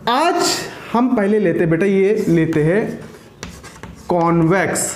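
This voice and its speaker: A man's voice: sits high, expressive, a little slow, a little mellow, echoey room, a little hiss or hum. A man teaching a school science lecture, who keeps asking questions, repeats the answers and calls his students "beta". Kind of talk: classroom lecture.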